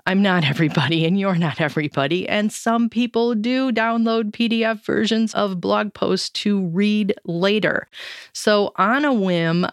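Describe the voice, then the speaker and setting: A woman's voice: on the low side, clean tone, dry recording, studio quality. A woman hosting a solo podcast, talking candidly and reflectively about lessons from running an online business, with a touch of sarcasm.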